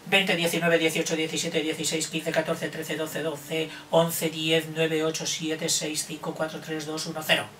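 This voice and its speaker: A man's voice: on the high side, sharp tone, slight background noise. An older man, a teacher, playfully racing the listener through counting drills in a children's counting lesson. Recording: echoey room, heard from a distance.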